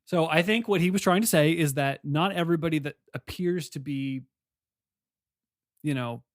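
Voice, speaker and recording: A man's voice: fairly high pitch, moderate pace, no room sound, studio quality. A man co-hosting a comedy podcast in casual chat, rambling and restarting as he builds his points. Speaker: podcast co-host.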